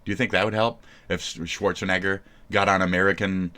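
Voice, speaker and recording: A man streaming live, ranting in profane, mocking commentary that keeps jumping into loud shouts. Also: low-pitched, flat delivery, fairly quick.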